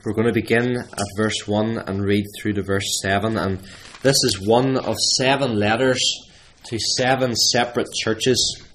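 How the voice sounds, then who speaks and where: Man at a pulpit microphone, low-voiced, reads scripture slowly and deliberately, pausing for emphasis. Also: fairly even intonation, a bit bright, a little hiss or hum, low-quality recording. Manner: measured, deliberate reading with emphatic pauses. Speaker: church service leader reading scripture. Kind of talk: scripture reading in a church service. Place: church.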